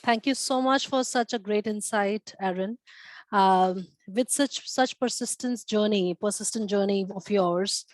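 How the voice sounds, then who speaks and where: A woman's voice: medium pitch, unhurried, no echo. A woman from the audience asking a question in a polite, formal way.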